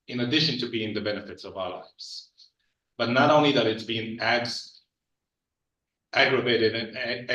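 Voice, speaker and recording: A man's voice: lowish voice, fairly bright tone. A man in his forties from Israel, speaking on a panel in an earnest, personal way with frequent restarts. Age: 40s. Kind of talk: panel talk. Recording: echoey hall from far off.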